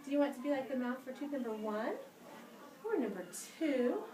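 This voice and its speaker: Woman tooth fairy reading a story to a class, swoopy high voice, sounds far off in an echoey room. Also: expressive, brisk, dark tone. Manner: dramatic, with squeals and cheers. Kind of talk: animated storytelling to children. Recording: roomy, distant with room noise.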